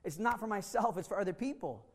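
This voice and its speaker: A man's voice: sits high, lively intonation, quick pace. A man preaching a sermon as pastor of a church, earnest and emotional, building to passionate outbursts. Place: church room.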